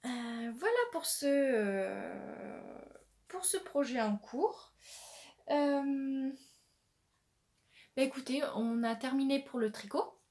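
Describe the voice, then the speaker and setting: A woman hosting a knitting podcast, chatting casually with many pauses and restarts as she shows her yarn. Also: sits high, a little mellow. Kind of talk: casual show-and-tell chat.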